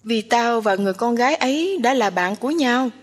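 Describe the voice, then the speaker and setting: A woman's voice: fairly high pitch, a little fast. A woman voicing a weary young woman. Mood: earnest. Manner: weary, flat and reluctant. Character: tired, withdrawn young woman who works as a caregiver. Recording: long hall reverb.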